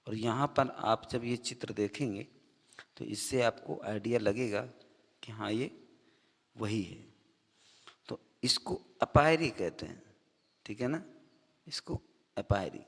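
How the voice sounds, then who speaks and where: Slow-talking man teaching vocabulary. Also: medium pitch, in a large hall. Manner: slow, reads English definitions word by word, then explains. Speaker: English teacher. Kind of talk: vocabulary lesson.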